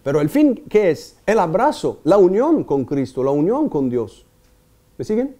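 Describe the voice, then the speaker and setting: A man's voice: high voice, very animated, a little slow, dark tone. A man preaching a meditation talk, asking his audience questions and speaking emphatically.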